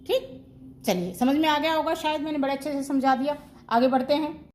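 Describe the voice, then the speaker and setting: A woman's voice: high voice, normal speed, darkish tone, slight background noise. A woman teaching Hindi grammar in an online class. She asks her students questions, answers them herself and repeats the key terms.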